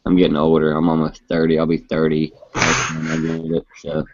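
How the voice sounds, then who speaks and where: A host in his late twenties chats casually about motorcycles, rambling in a laid-back way and often restarting his sentences. His extremely low voice is monotone and brisk, with no echo, though the live stream audio is muffled and lo-fi.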